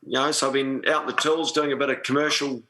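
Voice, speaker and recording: Casting: male podcast guest, New Zealand accent, bright sharp voice, slangy and matey, casual chat. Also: medium pitch, level tone, quick pace, poor audio. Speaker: podcast guest, sailing club commodore.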